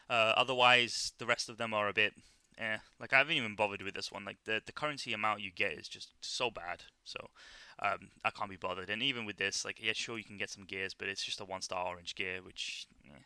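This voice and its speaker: A man's voice: fairly low pitch, bright, forceful tone, clean tone, no room sound. A man casually talking through a mobile game overview, rambling with many fillers and restarts. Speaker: gaming YouTuber.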